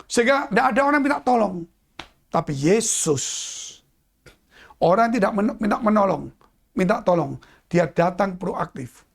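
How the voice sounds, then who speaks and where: A man's voice: animated, moderate pace, vocal fry, long pauses. Impassioned male preacher, wide swings. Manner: dramatic swings in pitch and volume, drops to hushed tones; addresses congregation as "saudara". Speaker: pastor. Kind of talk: sermon. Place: church.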